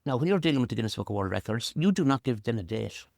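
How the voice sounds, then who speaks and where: A man's voice: medium pitch, very animated, racing, creaky, a little mellow, dry recording, clean studio sound. An Irish man telling local history in an interview like a practised storyteller, repeating words and piling up short phrases for emphasis. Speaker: pub representative and local storyteller.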